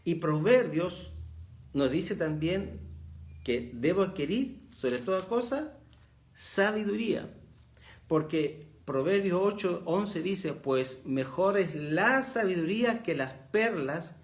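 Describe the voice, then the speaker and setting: A man's voice: sits high, lively intonation, takes it slowly. A middle-aged man with a Chilean accent, preaching a reflective sermon and rising in emphasis as he reads verses aloud. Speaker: pastor.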